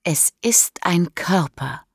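Woman narrator for a learners' audiobook, clear and very unhurried, dry close studio sound. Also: lowish voice, lively intonation, no echo. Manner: slow, clear and measured. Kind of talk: scripted narration of a graded reader.

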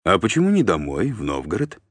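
Man voicing stern calm warlord, deep voice, quiet menace, dry close audiobook. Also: brisk, dry recording, full character voice. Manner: stern, low-key, menacing.

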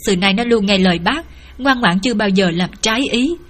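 A woman's voice: mid-range voice, a little fast, fairly bright tone, natural voice. Woman narrator as a distraught middle-aged mother, tearful, pleading.

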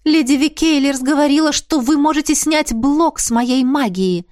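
A woman's voice: high voice, normal speed, no echo, studio quality, pitched above the performer's own voice, lightly acted. A woman voicing a spirited young heroine in an audiobook, asking eager, urgent questions.

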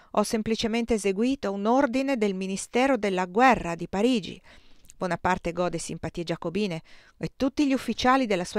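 A woman reading the part of a gruff older male army colonel in an audiobook, brusque and blustering, raising her voice when he gets annoyed. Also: mid-range voice, no room sound, clean studio sound, natural voice.

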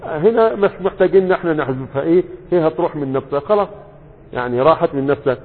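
A man's voice: on the high side, expressive, very fast, slightly rough. A man with an Egyptian Arabic accent teaching a grammar lesson as a sheikh. He asks questions and answers them himself, and he stretches out the example words. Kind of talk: classroom lesson. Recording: phone-like sound with long reverb.

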